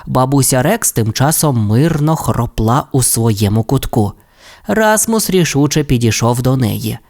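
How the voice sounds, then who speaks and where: A man narrating a children's audio tale in an expressive, friendly way. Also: mid-range voice, unhurried, creaky. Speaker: storyteller. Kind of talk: scripted children's story narration.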